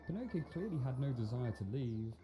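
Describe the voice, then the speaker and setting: A man's voice: mid-range voice, big pitch swings, fast. A man giving scripted film review commentary in a sarcastic, incredulous manner. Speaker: video commentator and film critic. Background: music.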